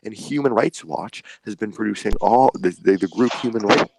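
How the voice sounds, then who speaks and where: A man's voice: on the low side, normal speed, vocal fry, very noisy. A man arguing in a live stream debate over an online call, his audio cutting out in dropouts as he lists his points. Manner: argumentative, lists points, swears. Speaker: debate caller.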